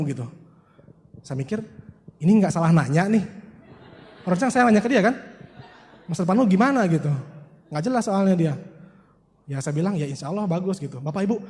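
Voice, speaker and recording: Man, high pitch, motivational speaker storytelling to a crowd, long reverb. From West Java, Indonesia. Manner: storytelling, addresses audience directly, animated. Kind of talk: motivational seminar talk.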